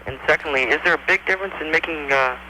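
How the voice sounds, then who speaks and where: A man's voice: a little high, quick pace. A man calling in to a radio show, polite and a little hesitant as he asks his question. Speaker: caller. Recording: noisy phone line.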